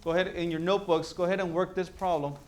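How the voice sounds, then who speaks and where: A man's voice: sits high, level tone, very fast, darkish tone. A man teaching a math class who asks students questions and directs them through the work. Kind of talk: classroom instruction. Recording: echoey classroom with faint music.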